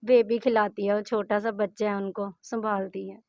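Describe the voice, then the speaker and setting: A woman's voice: medium pitch, level tone, a little mellow, dry recording. A woman, a mother pleading in a distressed way as she tells her story. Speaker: interviewee, mother. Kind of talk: emotional personal account. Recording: dull, muffled dry recording.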